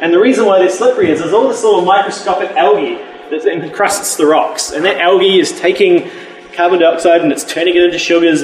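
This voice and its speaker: A university professor with a New Zealand accent and a fairly high-pitched voice gives an enthusiastic, casual workshop talk to a live audience in a meeting room. He often says um and restarts sentences, and the echoey room carries faint music.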